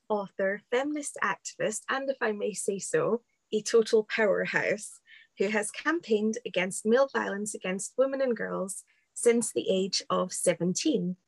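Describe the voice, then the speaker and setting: A woman's voice: mid-range voice, dry recording, poor audio. A woman hosting an online conversation, speaking close to her computer on a video call. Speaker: host of online book launch. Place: book-lined home room, indoors. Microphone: close to laptop on video call.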